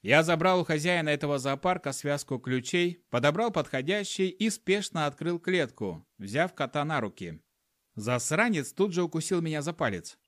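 A man's voice: fairly high pitch, animated, moderate pace, a bit bright, no echo, studio quality. A man narrating a humorous first-person audiobook in a wry storytelling manner. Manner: wry storytelling with acted dialogue.

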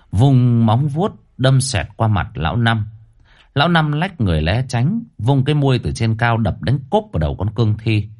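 Animated male storyteller. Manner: animated, swinging pitch for drama. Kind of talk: dramatic horror story narration.

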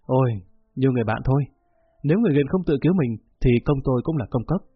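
Man reading a calm, kindly doctor. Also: mid-range voice, quick pace, husky, no room sound, lightly acted. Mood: reassuring. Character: kindly older male doctor, calm and cheerful. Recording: dull lo-fi recording with faint music.

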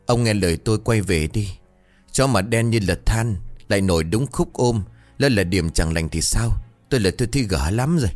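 A man voicing a frightened older village wife who begs and trembles in a shrill voice. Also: lively intonation, moderate pace, a little mellow, soft background music, lightly acted. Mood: uneasy.

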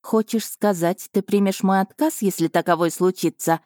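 A woman voicing a stubborn, sharp-tongued young heroine with sarcastic, sulky retorts. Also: medium pitch, steady tone, moderate pace, no room sound, clean studio sound, natural voice.

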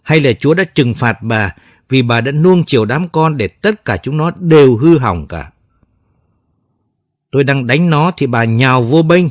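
A man voicing a furious middle-aged father, shouting bitter accusations at his wife. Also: medium pitch, expressive, a little slow, dry recording, clean studio sound.

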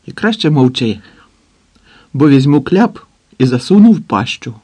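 A man's voice: medium pitch, sing-song, normal speed, dark tone, slightly rough. A man voicing a brash, coarse middle-aged woman in an audiobook, bossy and wheedling by turns. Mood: scolding.

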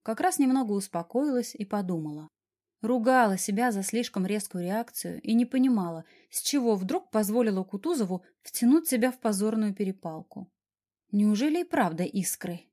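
A woman narrates a first-person audiobook in a wry, expressive manner. Her voice sits in a middle pitch. Her tone is mellow and darkish. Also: brisk.

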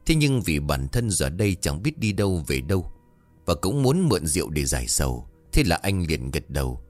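A man narrating a scripted spoken story in a steady, measured way. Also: deep voice, no echo, faint music behind.

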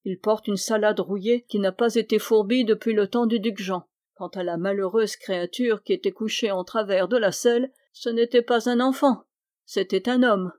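A woman's voice: medium pitch, steady tone, moderate pace, a little mellow, no echo, clean studio sound, natural voice. A woman reading the part of a mischievous, boastful male dwarf who mocks and teases in a playful way, in a storybook. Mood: mocking. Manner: mocking and playful.

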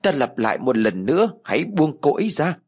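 A man voicing a male demon husband who speaks low and flat, like an emotionless machine, in an audiobook. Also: normal speed, slightly rough. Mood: commanding.

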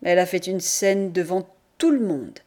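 A woman reading a novel aloud as an audiobook narrator, in a measured, expressive literary manner. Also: lowish voice. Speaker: audiobook reader.

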